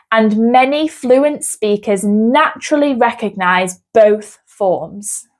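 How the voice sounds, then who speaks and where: A woman with a British accent teaching an English lesson, speaking clearly and deliberately as she models each word. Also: medium pitch. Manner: slow, clear and deliberate, modelling words carefully. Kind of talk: scripted lesson.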